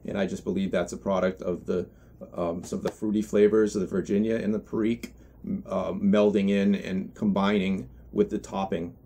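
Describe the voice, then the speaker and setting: A man giving an unscripted product review in a halting, reflective way, often correcting himself as he goes. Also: low voice, level tone, gravelly, warm tone, slight background noise. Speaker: pipe tobacco reviewer.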